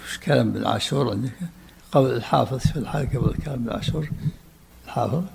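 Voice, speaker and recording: Gravelly fast-talking teacher. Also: male voice, medium pitch, a little mellow, a little hiss or hum. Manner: brisk, interjects short prompts to the reader. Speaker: teacher leading a study session. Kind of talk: explaining and directing a text reading.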